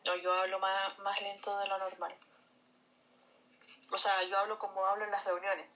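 Laughing Chilean woman, bright voice. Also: medium pitch, little pitch movement, moderate pace. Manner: laughs often, reads viewer comments aloud. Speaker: co-host. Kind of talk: casual chat.

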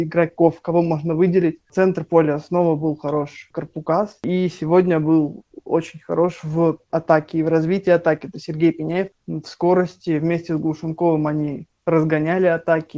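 A man giving a halting post-match football analysis, with many fillers and restarts. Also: on the high side, dark tone, no room sound. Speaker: football pundit.

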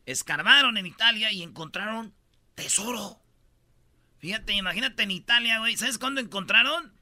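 A man's voice: high-pitched, pushed and bright, no echo. A man with a Mexican accent hosting a radio show, joking through a countdown of news items in a slangy, playful way. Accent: Mexican Spanish. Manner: joking, slangy, acts out voices in quotes.

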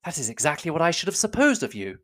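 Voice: mid-range voice, wildly swooping pitch, quick pace, no room sound, studio quality, voice pushed up. A reader voicing a poised, frank young woman with a witty, composed and polite manner. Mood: teasing.

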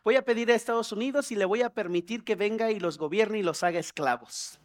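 A man playing God in a sermon, replying to a complaining prophet in a slow, lower, matter-of-fact voice. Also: lightly acted. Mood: calm, matter-of-fact.

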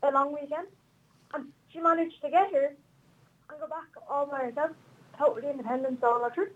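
A woman's voice: high voice, fairly even intonation, fairly quick, narrow, tinny audio. A woman calling in to a radio show, chatting and giggling as she tells a story. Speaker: caller guest. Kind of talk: casual chat.

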